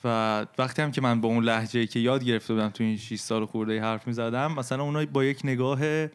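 Man, light Isfahani accent, reflective storyteller in a casual podcast chat, mid-pitched voice. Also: steady tone, clean tone. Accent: Persian, light Isfahani. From Isfahan, Iran. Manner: reflective, hesitant, laughs at himself.

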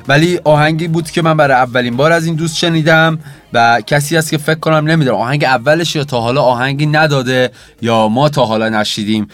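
Chatty young man hosting a late-night show. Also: fairly high pitch. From Iran. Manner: chatty, relaxed, apologetic asides. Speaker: radio podcast host. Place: home studio in Tehran at night.

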